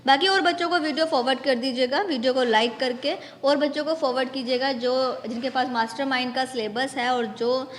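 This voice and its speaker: Woman teacher, high voice, patient step-by-step explaining, long reverb, faint noise. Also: fairly even intonation, a little fast, few pauses. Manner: patient, step-by-step, mixing in English words. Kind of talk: explaining a textbook lesson to children.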